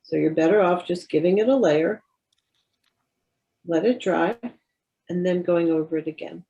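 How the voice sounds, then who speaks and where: Patient, encouraging woman art instructor with a slightly low voice, practical live-class delivery. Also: moderate pace, mellow, muffled recording. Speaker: watercolor instructor.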